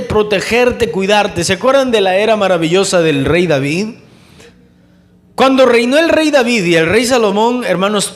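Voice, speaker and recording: A man preaching a sermon, fervent, calling his listeners brothers and asking rhetorical questions, racing through some phrases and slowing right down on others. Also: high voice, fairly bright tone. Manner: shifts between quick bursts and slow emphatic phrases.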